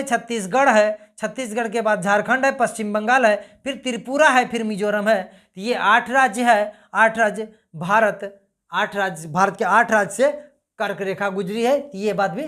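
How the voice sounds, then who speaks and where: A woman teaching a geography lesson, repeating points and quizzing her listeners as she goes. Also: medium pitch. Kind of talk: casual classroom-style lesson.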